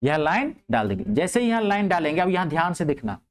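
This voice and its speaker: A male math teacher. He explains geometry step by step, keeps asking whether things are clear, and drops his voice low to answer his own questions. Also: sing-song, fast talker. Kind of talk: lively classroom math lesson.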